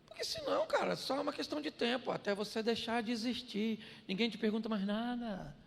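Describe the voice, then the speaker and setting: Speaking fairly quickly in an extremely high, creaky voice, an older man preaches a funny sermon as a pastor. He jokes, laughs a lot and plays out dialogues from home life, all under the long reverb of a large hall.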